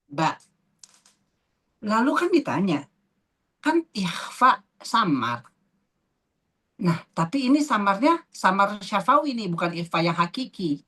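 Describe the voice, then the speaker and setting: A woman teaching a tajwid class, patiently asking students questions and repeating terms slowly. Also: medium pitch, sing-song, sharp tone, slightly rough. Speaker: Quran recitation teacher.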